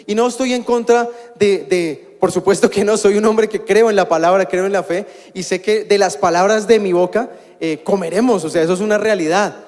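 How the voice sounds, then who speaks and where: A man's voice: sits high, a little mellow. A man preaching a sermon as pastor, conversational, with wry humor. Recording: long church-hall reverb with faint music.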